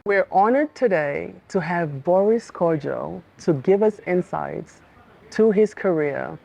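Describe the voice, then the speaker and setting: A woman's voice: lowish voice, expressive, slow, creaky, mellow. A woman hosting a podcast, reading a scripted introduction and asking interview questions. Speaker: podcast host.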